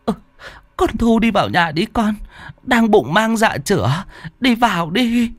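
A frantic old village mother wails and pleads in a high, strained falsetto, put on by a man. Her desperate calling swoops up and down. The recording is dry and close. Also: very animated, unhurried, dry recording, exaggerated voice. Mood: pleading.

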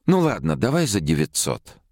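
A man's voice: sits low, wildly swooping pitch, normal speed, a little mellow, no echo, studio quality, pitched above the performer's own voice. A man voicing a pushy, brash woman neighbor who haggles, in an audiobook. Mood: haggling. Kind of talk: audiobook character voice.

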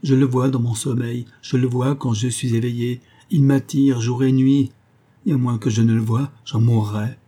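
A man reading an audiobook of a gothic tale, voicing a haunted young man who is obsessed and strangely calm. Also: mid-range voice, moderate pace, lightly acted. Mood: anguished.

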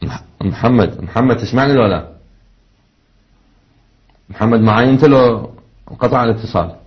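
A man with an Iraqi accent hosting a call-in religious question show, with brisk, clipped acknowledgements. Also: mid-range voice. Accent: Iraqi Arabic. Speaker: radio call-in host. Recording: dull muffled broadcast sound.

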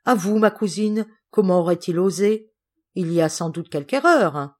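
Audiobook father, earnest and pleading, read by a woman, low-pitched. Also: animated, normal speed, a little mellow. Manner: pleading, earnest, easily upset. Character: gentle anxious aristocratic father, middle-aged man. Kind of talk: audiobook character reading.

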